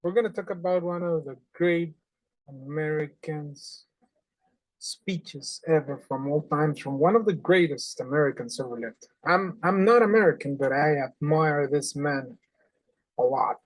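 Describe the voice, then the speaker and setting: Casting: man in his forties from Honduras, teacher, earnest and animated, close dry webcam sound. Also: fairly high pitch, unhurried, dry recording, low-quality recording. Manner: earnest, animated, with non-native phrasing. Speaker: English teacher. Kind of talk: online class lesson. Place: small indoor room at home. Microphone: webcam on a video call.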